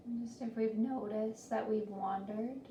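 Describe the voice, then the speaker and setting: This is a guided body scan led by a woman whose voice is fairly high and steady in tone. She speaks in a gentle, soothing way, with slow phrases and long silences between them. A faint noise runs through the roomy, far-off recording.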